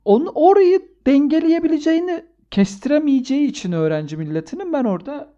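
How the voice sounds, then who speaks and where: Brief: lively male instructor, dark mellow tone, jokey storytelling, muffled lo-fi audio. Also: very high-pitched, fast. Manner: animated, acts out quotes, jokey. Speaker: instructor, podcast guest. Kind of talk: casual chat.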